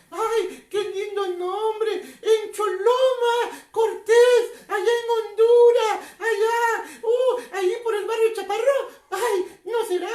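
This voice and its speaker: Woman as a kids' clown, sky-high and squealy, giggly, in a roomy echoing space. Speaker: children's clown entertainer. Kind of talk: live-stream chat with children.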